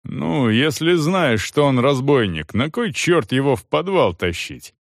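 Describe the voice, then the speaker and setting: A man voicing a stern, weary medieval soldier who gives curt, unhurried commands. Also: medium pitch, sing-song, dry recording, studio quality, pitched above the performer's own voice.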